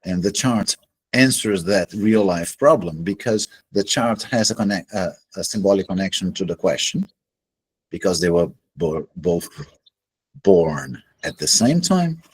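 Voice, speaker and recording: An astrology teacher, a man whose first language is Portuguese, gives a solo explanatory lecture in a slow, husky voice with lively intonation. He speaks in a measured, deliberate way, pausing between phrases, and it's a low-quality home recording.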